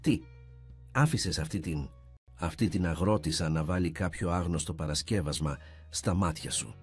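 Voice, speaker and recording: Casting: stern rich father, scornful and shouting, deep husky tone, audiobook story, voiced by a male narrator. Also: faint music behind. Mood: furious. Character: wealthy angry father, stern and domineering.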